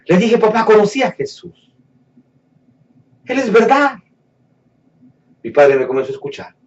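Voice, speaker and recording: Impassioned preacher man, distant and muffled. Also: sing-song. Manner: impassioned, swings between hushed low lines and raised fervent ones; slows down and stretches words for emphasis. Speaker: preacher giving his testimony. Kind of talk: emotional sermon testimony. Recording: distant mic, dull lo-fi sound.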